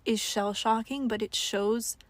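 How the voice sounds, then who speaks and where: A woman's voice: on the high side, a little slow, no room sound. Gushing young woman podcast co-host. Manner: animated, gushing storyteller. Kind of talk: casual podcast chat.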